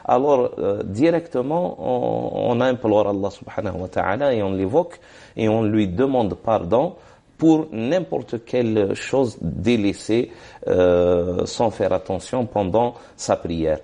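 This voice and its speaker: A religious scholar answers questions on a TV program in a TV studio, offering religious advice hesitantly with many fillers and reciting Arabic formulas. His voice is on the low side, creaky and dark, with lively intonation, and he takes it slowly.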